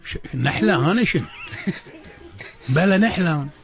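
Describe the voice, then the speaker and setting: A man's voice: mid-range voice, rapid-fire. A man with a Kuwaiti Gulf Arabic accent bantering casually as a radio co-host, teasing and interjecting.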